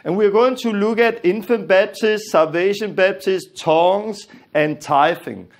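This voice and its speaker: Unhurried and high-voiced, a Danish-accented man from Denmark, whose first language is Danish, teaches the Bible. His delivery is earnest and emphatic, and he repeats the important phrases.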